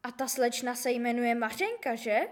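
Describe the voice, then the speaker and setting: A woman's voice: a little high, lively intonation, lightly acted. A woman voicing a kind, chatty middle-aged male postman in a storybook reading, polite and eager, rattling off teasing insults. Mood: polite, curious. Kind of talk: storybook character voice.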